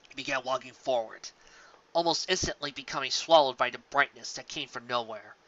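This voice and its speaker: Someone reads and reviews fan fiction in an emphatic, informal and dramatic way. The voice is medium-pitched, fairly quick and fairly bright, with a dull, lo-fi recording quality.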